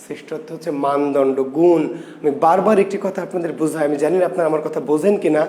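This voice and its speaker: A man with a fairly high but mellow voice, teaching a literature class in an echoey classroom. He asks questions and answers them himself, and he repeats the key terms. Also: fast talker. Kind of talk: classroom lecture.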